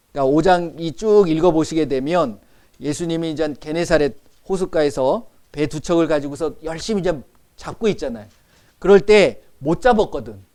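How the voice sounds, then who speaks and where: A male pastor preaching a sermon, asking the congregation rhetorical questions and moving between loud emphasis and quiet asides. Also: on the high side.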